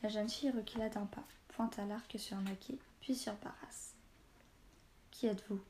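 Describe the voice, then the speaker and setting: A woman narrating a storybook in a calm, measured way. Her tone is mellow and dark-edged rather than bright. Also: mid-range voice, a little hiss or hum. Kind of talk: storybook reading.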